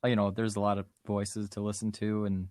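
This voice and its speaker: A young man in his twenties hosts a podcast and speaks softly and thoughtfully. His voice is fairly low. The recording is dry, with little room sound. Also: monotone, fairly quick, no echo. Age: 20s. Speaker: podcast host. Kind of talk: casual conversation.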